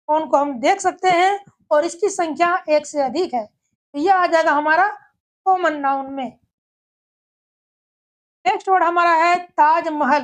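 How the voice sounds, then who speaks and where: A woman with a very high, light voice gives a scripted grammar lesson. She works through one word after another in a steady, methodical way, often pausing to ask her class a rhetorical question before giving the answer. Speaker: English teacher.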